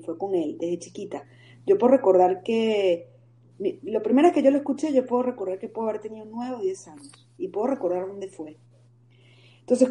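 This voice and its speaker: A woman, telling her faith story in an animated interview and acting out the voices in it. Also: mid-range voice. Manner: animated, storytelling, acts out quoted dialogue. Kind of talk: conversational interview.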